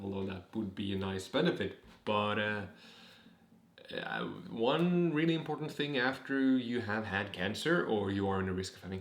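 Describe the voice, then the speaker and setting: A man's voice: on the low side, reverberant. A man in his twenties chatting casually in a vlog, rambling and making fun of himself as he goes. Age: 20s. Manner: rambling, self-mocking asides. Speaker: vlogger.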